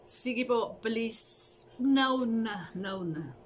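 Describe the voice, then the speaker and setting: A woman's voice: a little high, lively intonation, extremely slow, slight background noise. A woman voicing an anxious mother in a spoken story who eagerly pleads for help. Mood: eager pleading. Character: worried mother turned eager, grateful woman.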